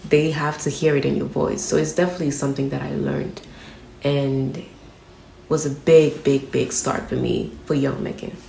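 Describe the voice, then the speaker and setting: A young woman from Nigeria, a rapper, answering interview questions in a steady, reflective way that becomes emphatic on strong opinions. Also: extremely low pitch, moderate pace, vocal fry, a little hiss or hum. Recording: roomy echo with faint background ambience.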